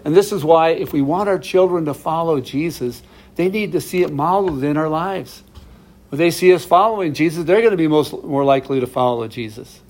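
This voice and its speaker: A man's voice: on the high side, brisk, a little mellow. A middle-aged man teaching a verse-by-verse Bible study, explaining each passage plainly with asides to his viewers.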